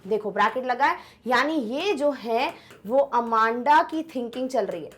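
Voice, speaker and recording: A young woman teacher explaining an English poem in a chatty way, often checking whether students follow and reading the English lines slowly. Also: on the high side, animated. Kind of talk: online lesson explaining an English poem in Hindi.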